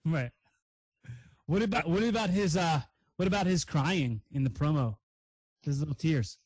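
Chatty male co-host, teasing, a touch high-pitched. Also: lively intonation, normal speed, a little mellow, no room sound, rough recording. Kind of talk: casual chat.

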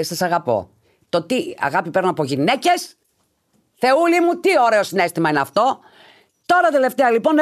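A woman hosting a podcast in a casual chatty monologue. She speaks straight to her listeners and swears freely. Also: mid-range voice. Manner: animated, swears freely, addresses listeners directly. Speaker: podcast host.

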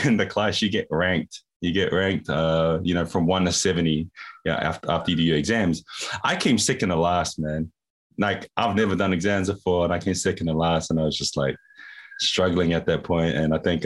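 A young man telling stories about his schooling as a podcast guest, relaxed and slangy, chuckling often. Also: deep voice. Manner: laid-back slangy chatter with frequent laughs. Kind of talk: casual storytelling.

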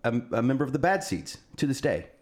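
A man in casual podcast talk who fills in background detail on the music. He speaks at a middle pitch, relaxed and informative. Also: quick pace. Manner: informative, explains band history. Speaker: podcast co-host. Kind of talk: casual chat.

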